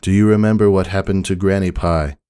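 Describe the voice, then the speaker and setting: A man voicing a stoic young female pony, an elder sister, with a firm deadpan delivery in a fan fiction reading. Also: low voice, moderate pace, clean tone, natural voice. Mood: stern.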